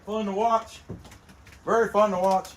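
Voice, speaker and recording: Man, high-pitched, casual rambling talk, jokey, outdoor yard, faint bird ambience. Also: little pitch movement, unhurried, a little hiss or hum. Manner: rambling, joking, greets viewers by name. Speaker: chainsaw carver. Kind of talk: casual live-stream chat while working.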